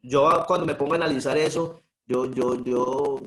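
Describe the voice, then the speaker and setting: A man's voice: mid-range voice, steady tone, normal speed, fairly bright tone, rough recording. A middle-aged man, a spiritual teacher telling personal stories in a conversational way, often checking in with a questioning "sí". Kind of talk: personal storytelling talk.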